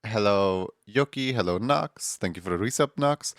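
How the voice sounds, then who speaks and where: Congested male streamer, clear close voice. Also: fairly low pitch, animated, moderate pace, dry recording. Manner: rambling, laughs often, greets chat members by name. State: congested morning voice. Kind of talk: casual live-stream chat.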